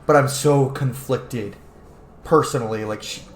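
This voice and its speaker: A man with a medium-pitched voice speaks at a measured pace, offering casual, chatty, musing commentary while playing a video game as a let's player. The recording has a roomy echo and faint background noise.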